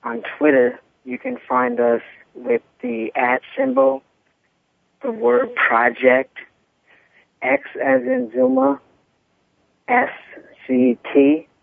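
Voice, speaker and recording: A woman guest giving an announcement in an interview, deliberate and spelling things out. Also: a little high, very animated, gravelly, breathy edge, dry recording. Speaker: guest giving contact details. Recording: narrow phone-like line.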